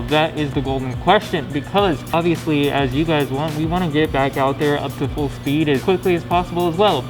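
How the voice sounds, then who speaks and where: A man with a somewhat high voice hosts a casual Q&A. He talks informally and conversationally, often checking in with tag questions. Music plays clearly behind him. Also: low-quality recording. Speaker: company video host. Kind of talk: casual scripted-outline Q&A to camera.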